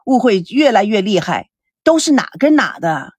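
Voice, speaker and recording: A woman voicing a coy young female assistant who pleads softly. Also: mid-range voice, big pitch swings, moderate pace, husky, no room sound.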